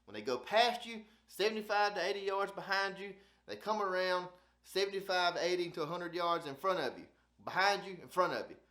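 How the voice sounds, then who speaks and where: A man's voice: high-pitched, a little fast, pushed and bright, reverberant. A man with a Southern Alabama accent gives a casual, folksy instructional talk, repeating phrases for emphasis as he hosts. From South Alabama, United States. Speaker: host of a duck hunting channel.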